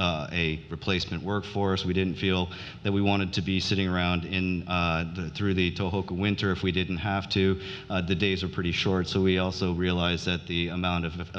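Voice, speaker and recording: A middle-aged man giving a conference speech, halting with many fillers and restarts. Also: deep voice, a bit bright. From United States (grew up in New Orleans). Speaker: conference speaker. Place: conference hall. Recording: dull reverberant hall.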